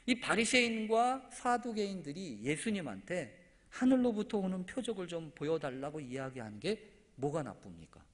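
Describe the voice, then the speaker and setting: A male pastor preaching a sermon, telling a story animatedly and asking the congregation questions. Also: high voice. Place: church sanctuary. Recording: echoey church hall.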